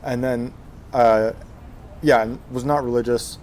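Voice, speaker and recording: A Texas-born man in his twenties tells his life story as a guest in a casual interview, with many fillers and restarts. His mid-range voice is steady, unhurried and a little mellow, with slight background noise.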